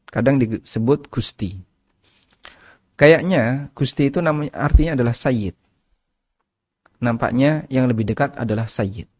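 Calm man teaching a religious class. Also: mid-range voice, dry recording. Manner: calm, explanatory, informal asides. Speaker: Islamic teacher answering questions. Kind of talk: religious study Q&A. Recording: dull muffled dry recording.

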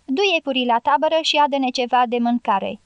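A woman's voice: high-pitched, clear, resonant tone, dry recording, muffled recording. A woman reading an audiobook voices a stern young male fighter who speaks curtly. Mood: dry. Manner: curt, sharp questions.

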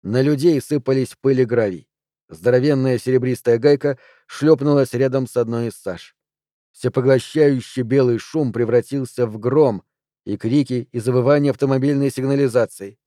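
A man narrating an audiobook in a steady, measured reading. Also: medium pitch, no room sound, studio quality. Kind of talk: scripted narration.

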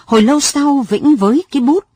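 A woman narrating a late-night story in a soft, lyrical, unhurried reading. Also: high voice, dry recording.

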